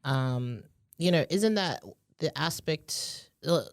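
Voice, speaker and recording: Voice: mid-range voice, lively intonation, slow pace, no room sound. Hesitant, thoughtful podcast co-host, dry sound. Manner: thoughtful, hesitant, many fillers. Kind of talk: casual chat. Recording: dry close recording.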